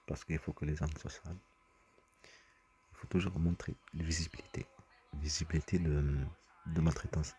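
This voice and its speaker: Very deep, husky agitated man. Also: warm tone. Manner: agitated, repeats and stumbles over words. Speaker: vlogger. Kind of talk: rambling personal monologue.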